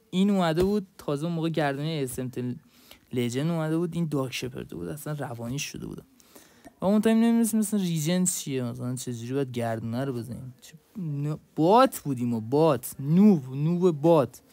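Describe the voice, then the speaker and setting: A man's voice: fairly high pitch, a little mellow, no room sound. Chatty young male gamer, dry sound. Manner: chatty, slangy, addresses viewers directly. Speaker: mobile game content creator. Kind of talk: casual gaming commentary.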